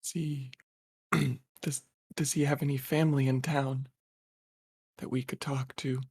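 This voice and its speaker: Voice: medium pitch, flat delivery, a little slow, darkish tone, breathy edge, dry recording, clean studio sound. A player voicing a young male brawler raised in the wild, asking blunt, plain questions.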